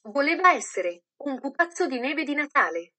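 A woman narrating a children's Christmas story in a gentle, measured reading voice. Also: sits high, sing-song. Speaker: audiobook narrator.

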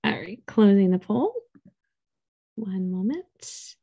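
A woman running the polls in an online meeting, speaking in a calm, matter-of-fact way over a video call. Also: medium pitch, takes it slowly, husky, lo-fi sound.

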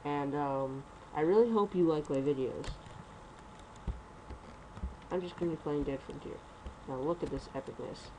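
A young man rambling through casual gameplay commentary at home on a computer mic, talking fast and correcting himself. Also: on the high side, background noise. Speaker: gaming commentator.

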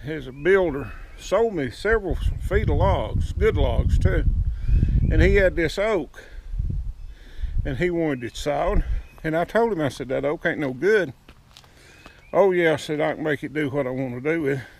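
A gravel-throated man talks his way around an outdoor sawmill yard, his voice sitting a touch high. He speaks in plain folksy dialect, loose and unhurried, with faint yard noise behind him. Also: lively intonation. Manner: folksy rural dialect with double negatives. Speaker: sawmill owner. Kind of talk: casual walkaround tour. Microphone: head-mounted action camera.

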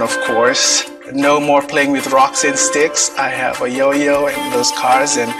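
Earnest man from Fiji, distant video. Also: mid-range voice. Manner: earnest, reflective storytelling. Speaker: children's ministry worker. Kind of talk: testimony in a mission video. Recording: video played over church speakers with loud music, from far off.

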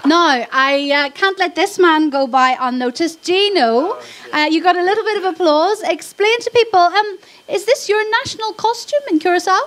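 A woman's voice: very high voice, normal speed, few pauses, fairly bright tone. A woman hosting a ceremony on board a ship, chatting playfully with crew members in front of an audience. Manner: chatty, playful, self-deprecating. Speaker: ceremony host interviewing crew. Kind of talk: lively onstage interview. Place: ship's lounge with audience.

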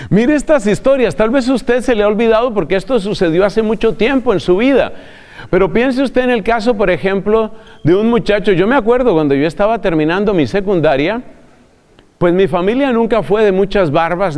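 Male preacher, high-pitched, chatty, direct address, reverberant room. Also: a little mellow. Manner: conversational, addresses listener directly, chuckles at own asides. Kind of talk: recorded religious talk.

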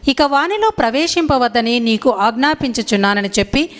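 A woman reading a scripture passage aloud in a steady, formal way. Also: a little high, fairly quick. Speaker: scripture reader. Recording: long hall reverb.

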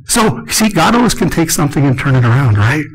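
Older male conference speaker, slightly high voice, lively storyteller who acts out the lines of the people he quotes. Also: brisk, poor audio. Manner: animated storyteller, acting out quotes.

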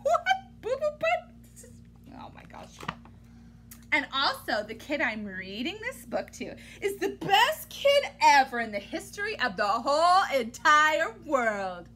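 This is an animated children's story read-aloud by a woman in her thirties, delivered teacher-style with over-the-top, playfully exasperated theatrics. She speaks high and a little slowly, her sharp tone leaping through huge pitch swings. Background noise is noticeable in this home recording from a small indoor room.

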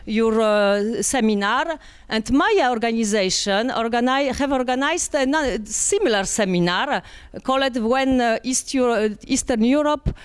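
A woman giving a halting comment at a panel, with many restarts, speaking into a handheld mic. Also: on the high side, animated, clean tone. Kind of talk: public comment.

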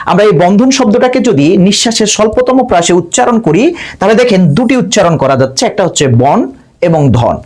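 A young man, teaching a lesson and patiently explaining step by step as he speaks directly to his students. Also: sits high. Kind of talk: lesson narration.

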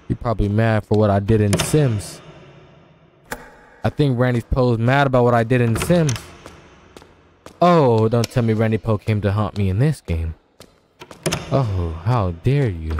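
A man's voice: mid-range voice, darkish tone, slight background noise. A young man streaming a horror game with scared commentary, playfully scolding the game's characters as he talks to them.

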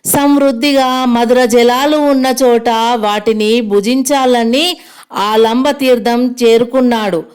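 A woman reads an old epic aloud at a very unhurried pace, her voice smooth and clear. She keeps an even storytelling tone and barely changes her voice for quoted speech. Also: a little high. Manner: slow, even reading, quoted lines kept close to her own voice. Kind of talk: reading an epic aloud in simple retelling.

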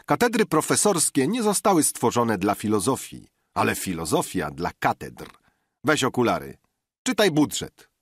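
A man's voice: medium pitch, sing-song, normal speed, breathy edge, dry recording, clean studio sound, pitched above the performer's own voice. A man voicing a pompous male scholar who lectures curtly in an audiobook. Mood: lecturing. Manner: curt, lecturing.

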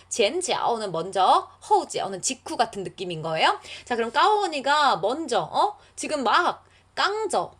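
A young adult woman teaching a language lesson in an encouraging way, reading practice sentences slowly for learners. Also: on the high side. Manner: lively, encouraging, reads Chinese lines slowly for learners.

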